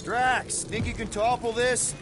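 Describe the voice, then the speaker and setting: An actor playing a cocky, wisecracking young space outlaw leader in a video game, flippant and joking. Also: male voice, extremely high pitch, fairly even intonation, unhurried. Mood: wry, joking. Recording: loud music behind the voice.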